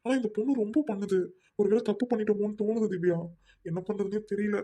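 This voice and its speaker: A woman's voice: mid-range voice, quick pace, mellow, natural voice. A woman voicing a troubled young husband, a doctor, who apologizes and snaps in anger by turns. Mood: distressed. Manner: apologetic, then snapping in anger.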